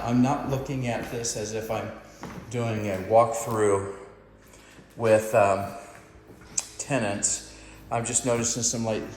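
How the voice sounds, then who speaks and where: A man acting as landlord, narrating a walkthrough video of an empty house in a slow, halting way with plenty of pauses. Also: fairly low pitch, darkish tone. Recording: roomy echo with faint noise.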